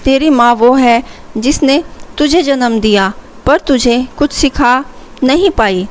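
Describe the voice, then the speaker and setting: A woman voicing a stubborn, angry elderly mother-in-law who scolds harshly, in a slow, fairly high storybook reading.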